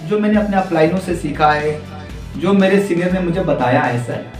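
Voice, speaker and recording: A man's voice: on the high side, normal speed, recorded from a distance. A man answering interview questions on direct selling in a preachy, motivational way, full of rhetorical questions and stories. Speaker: direct selling leader, guest. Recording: echoey room, voice from afar, faint music.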